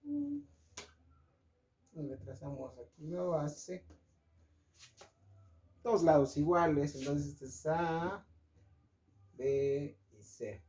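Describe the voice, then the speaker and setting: A man's voice: a little high, expressive, drawn-out words, pauses often, a little mellow, a little hiss or hum. A man teaching a casual online math lesson, joking and checking in with his students as he draws. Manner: chatty, jokey, asks "¿sí?" and "¿ok?" to check in.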